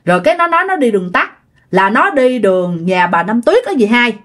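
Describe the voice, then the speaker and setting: A woman's voice: fairly high pitch, sing-song, fairly quick, fairly bright tone. A woman voicing a young village man who earnestly explains to his aunt, with a Southern Vietnamese accent.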